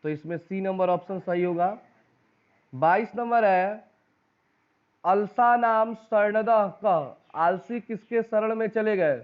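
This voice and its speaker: Speaking slowly in a high, clear, resonant voice, a male teacher with a Bihari Hindi accent runs an exam-prep lesson. He reads out each quiz question with its options, asks the class for the answer, and repeats it back. The audio is tinny, as if recorded on a phone.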